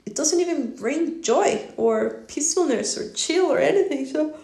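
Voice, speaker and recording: A woman's voice: high voice, expressive, moderate pace, creaky, mellow, reverberant. A woman talking casually on her own into a phone on a stand, rambling with lots of fillers and laughs. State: yawning, drowsy. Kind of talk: casual solo talk.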